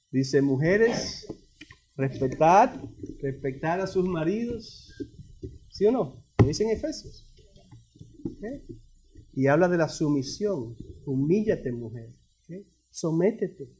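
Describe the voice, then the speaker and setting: Very high-voiced preaching pastor. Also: male voice. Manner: lively call-and-response preaching with humor. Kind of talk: sermon. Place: church sanctuary.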